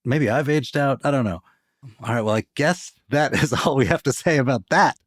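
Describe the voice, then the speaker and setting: A man's voice: mid-range voice, moderate pace, dry recording, studio quality. A man hosting a podcast, moving between casual chat and scripted reads. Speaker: podcast host.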